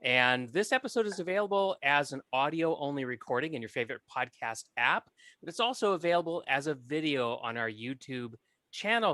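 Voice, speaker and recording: A man's voice: mid-range voice, sharp tone, no room sound. A man hosting a podcast, opening the episode with a friendly, explanatory introduction. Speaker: podcast host.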